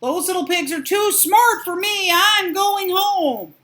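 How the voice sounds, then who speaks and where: Woman putting on a bright, blustering big bad wolf. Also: very high-pitched, normal speed, voice pushed up. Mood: sly scheming. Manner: roaring threats, sly coaxing. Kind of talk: storybook character voice.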